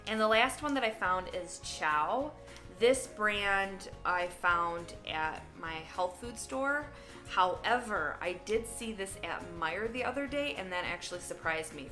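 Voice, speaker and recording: A woman chatting casually while tasting food for a vlog, candid and talkative, sometimes talking with her mouth full. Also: on the low side. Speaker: vlogger. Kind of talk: casual taste-test vlog.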